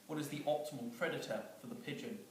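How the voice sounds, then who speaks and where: A man's voice: mid-range voice, fast. A man telling an absurd comic story, rambling and chuckling as he goes. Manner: rambling, chuckling, with many fillers and restarts. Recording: echoey room, far from mic, noisy.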